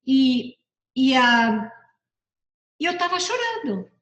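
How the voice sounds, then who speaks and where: A woman's voice: high-pitched, very animated, slow, a bit bright. A middle-aged woman giving a casual motivational talk, chatty, often repeating and correcting herself. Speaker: personal development speaker. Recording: echoey room.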